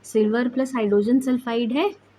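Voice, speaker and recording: A woman's voice: fairly high pitch, fairly even intonation, moderate pace, dark tone, poor audio. A woman science teacher giving a lecture, who asks questions and then answers them herself, slipping into English phrases. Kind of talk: classroom lecture.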